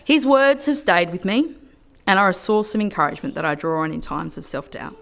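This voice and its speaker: An Australian woman politician delivering a formal parliamentary speech in an earnest, measured way at a lectern microphone in a legislative chamber. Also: mid-range voice, sing-song, gravelly, a bit bright.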